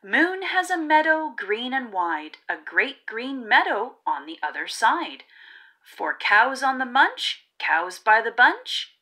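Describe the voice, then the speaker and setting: A woman narrates children's picture books aloud, unhurried and singsong. Her pitch swoops lively, and she stretches out words with rhythmic, theatrical emphasis.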